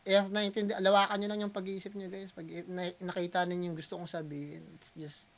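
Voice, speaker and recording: A Filipino man hosting a reaction video, talking casually in mixed Tagalog and English, pausing often and calling out to his viewers. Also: high-pitched, flat delivery, creaky, a bit bright. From Philippines. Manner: hesitant Taglish, keeps addressing viewers as guys.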